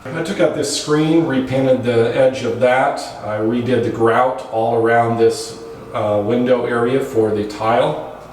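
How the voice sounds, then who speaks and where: A man's voice: medium pitch, measured pace, darkish tone. A man hosting a casual, matter-of-fact walkthrough of a house as its owner, listing details item by item. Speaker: property owner and video host. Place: indoors in an empty house. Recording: very echoey empty house, faint noise.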